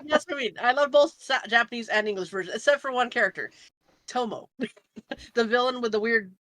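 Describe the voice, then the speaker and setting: Woman, podcast co-host, casual chat, bright voice, dry close sound, animated. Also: on the high side, no echo. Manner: animated, quick to laugh, gushing.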